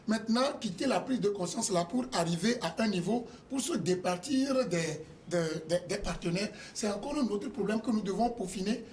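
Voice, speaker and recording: A man's voice: high-pitched, moderate pace, hardly any pauses, darkish tone, a little hiss or hum. A man speaking as a guest on a TV panel, hesitating and searching for words. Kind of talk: TV panel discussion.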